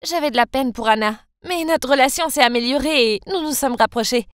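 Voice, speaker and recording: A young woman narrating a first-person story in an expressive, dramatic way. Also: sits high, fairly quick, clear, resonant tone, no room sound, clean studio sound.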